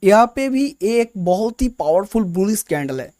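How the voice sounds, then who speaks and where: A man's voice: sits high, animated, moderate pace, mellow, dry recording. Man teaching chart trading in a dry voice. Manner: explains step by step, repeats phrases and restarts words. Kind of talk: casual screen-recorded chart lesson.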